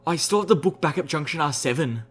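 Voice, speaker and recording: A man's voice: fairly high pitch, animated, fast, fairly bright tone, breathy edge. A man voicing a cautious, thoughtful young mare heroine in an audiobook reading, speaking carefully and hesitantly. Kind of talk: audiobook character voice.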